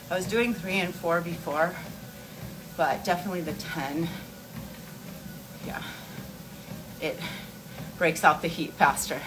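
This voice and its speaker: A low-leaning female voice comes through amid background noise as she walks on an incline treadmill. As host of a relaxed beauty and wellness livestream, she responds to viewers with rambling, casual explanations.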